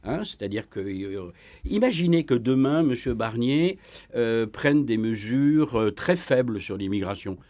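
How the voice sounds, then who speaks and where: In a radio studio, a man appears as a historian guest in a debate, speaking emphatically with frequent restarts and a rising pitch whenever he presses a point. His voice is mellow and animated, his pace unhurried, and the recording dry.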